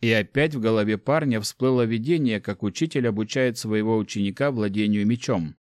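A man's voice: on the low side, brisk, darkish tone, no room sound. Dry-voiced male audiobook narrator. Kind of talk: scripted narration.

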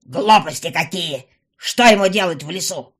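Storybook goblin mom, huge and hot-tempered, read by a woman, loud and slow, barking demands. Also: lowish voice, expressive. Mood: indignant. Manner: yelling, drawn-out demands. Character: fat furious female goblin mother. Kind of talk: audiobook character voice.

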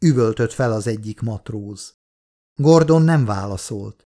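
A man reading a novel aloud as an audiobook narrator, in a steady, measured way. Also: fairly low pitch. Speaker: audiobook reader. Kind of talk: scripted narration.

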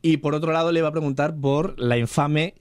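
A man's voice: a little high, steady tone, brisk, no room sound. A man, co-hosting a podcast and chatting enthusiastically about old films. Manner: enthusiastic storyteller. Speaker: podcast co-host. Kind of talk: casual chat about films.

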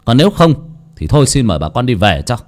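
A man's voice: medium pitch, very animated, quick pace, natural voice. A man playing a stern older village chief who lectures the villagers in a bossy way.

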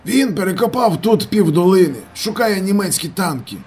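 A man's voice: high voice, lively intonation, moderate pace, a little mellow, husky, pitched above the performer's own voice, heavily acted. A man voicing a cheerful gas station owner who explains things in an amused, matter-of-fact way.

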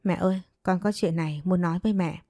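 A woman's voice: fairly low pitch, fairly even intonation, fast, dark tone, no room sound, clean studio sound, soft background music. A woman voicing a frightened young girl who pleads timidly with her mother in a storybook tale. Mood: pleading.

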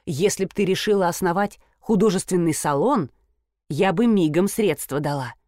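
A woman voicing a sharp-tongued wealthy mother who speaks in a caustic, dismissive way. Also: mid-range voice, no room sound, studio quality, lightly acted.

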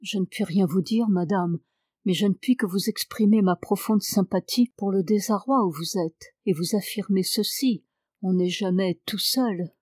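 A woman's voice: mid-range voice, moderate pace, a little mellow, dry recording, clean studio sound, lightly acted. A woman reading the lines of a cold, terse male English lord who is a seer.

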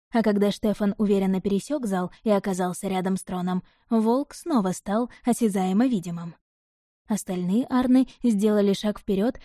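A woman narrates a first-person audiobook, even and measured. Her voice is mellow and warm-toned, recorded dry and close. Her pitch sits in a middle range. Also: no room sound.

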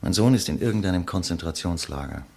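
A male actor with a deep, darkish voice and lively intonation plays a condemned writer, composed and bitterly ironic, in the measured, eloquent style of a 1950s German radio play. The mood is dry and composed.

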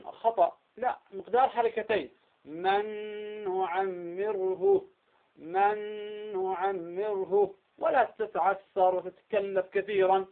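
A man teaching Quran recitation rules, slowly repeating each example word and posing questions to his students. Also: high-pitched. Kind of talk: tajweed lesson with slow recited examples. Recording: tinny phone-like audio.

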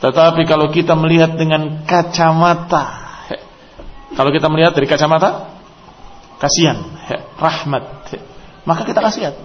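A man preaching a religious lecture, emphatic and rising to forceful exclamations, tagging his points with short interjections. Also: fairly high pitch, steady tone, moderate pace, long pauses. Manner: peppers speech with short "ya" and "hei" tags. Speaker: Islamic preacher. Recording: dull lo-fi lecture recording with faint noise.

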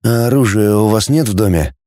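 A man's voice: on the low side, brisk, warm tone, dry recording, studio quality, lightly acted. A man voicing a grim teenage boy who speaks curtly, in clipped words. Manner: curt, clipped. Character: terse, grim teenage boy taking charge.

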